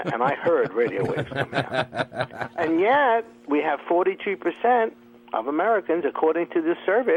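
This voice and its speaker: A man's voice: on the high side, slightly rough. A man hosting a talk radio show, riffing sarcastically in a comic monologue and laughing at his own jokes. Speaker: radio host. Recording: tinny phone-like radio audio.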